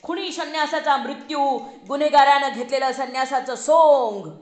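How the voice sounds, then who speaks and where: A woman voicing the news itself as a bold, attention-hungry female spirit who shouts out headlines. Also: sits high, normal speed, voice pushed up, close to an everyday voice. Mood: proclaiming. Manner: proclaiming headlines loudly.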